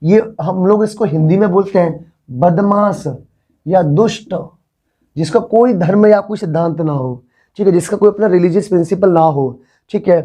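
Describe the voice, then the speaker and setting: Mellow-voiced male vocabulary teacher. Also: high voice, moderate pace. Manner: explains patiently, repeats words, often asks the class if they follow. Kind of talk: classroom vocabulary lesson.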